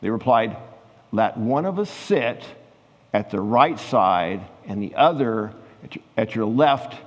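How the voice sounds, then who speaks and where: A man giving a conversational sermon as a pastor, growing animated when he retells scenes from scripture. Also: mid-range voice, lo-fi sound. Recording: long hall reverb.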